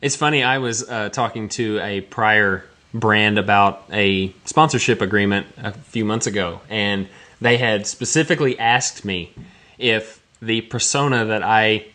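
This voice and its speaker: Bright-voiced male podcast host. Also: fairly low pitch, steady tone, measured pace. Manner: jokey, laughs often, restarts words. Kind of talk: casual podcast chat.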